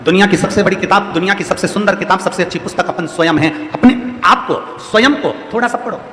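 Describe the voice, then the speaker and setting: A man's voice: high voice, fast talker, a bit bright. A man with a central Indian Hindi accent giving a devotional sermon, repeating phrases in a rhythmic, exhorting way. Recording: echoey hall with faint music.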